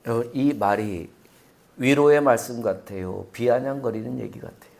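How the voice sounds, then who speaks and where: A man preaching a sermon as pastor, animated and full of rhetorical questions to the congregation. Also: mid-range voice, normal speed, gravelly. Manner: animated, many rhetorical questions, acts out voices.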